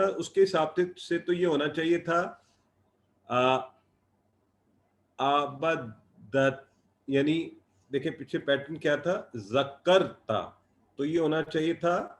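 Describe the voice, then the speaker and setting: A man teaching an Arabic grammar class. He explains patiently and drills verb forms in slow, repeated lists. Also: fairly high pitch. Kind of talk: online class lecture.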